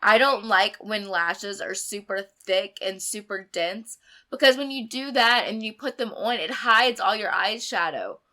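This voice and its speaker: A young woman reviewing a beauty box in a chatty, emphatic way, hoarse and sick with a sore throat. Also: medium pitch, animated, measured pace, sharp tone. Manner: chatty, emphatic, rambling asides. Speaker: beauty vlogger. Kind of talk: casual unboxing review.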